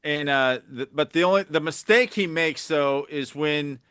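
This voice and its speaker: A man summarizes a film plot on a podcast, keeping a steady pace and filling gaps with "you know". His voice is fairly high and sharply bright. The recording is dry and close to the mic. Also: unhurried, smooth, dry recording. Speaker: podcast co-host. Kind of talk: casual film discussion.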